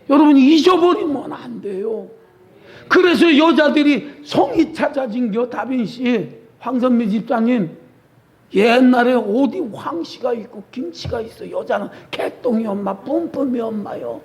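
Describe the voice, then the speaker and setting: A man's voice: extremely high pitch, expressive, measured pace, creaky, dull audio. A man with a Chungcheong accent preaching a sermon in a church, folksy and teasing members of the congregation by name. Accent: Chungcheong dialect. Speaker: pastor. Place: church sanctuary.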